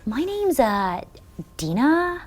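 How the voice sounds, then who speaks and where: A British woman putting on a hesitant, high American accent as a made-up caller on the phone. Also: sing-song, slow pace, a crowd in the background, full character voice. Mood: sheepish. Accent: put-on American.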